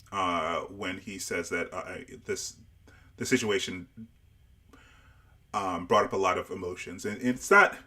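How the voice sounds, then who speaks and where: A man's voice: lowish voice, sharp tone. A man with family roots in Barbados, co-hosting a casual show review over a livestream. He talks with many restarts and repeated words. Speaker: show co-host.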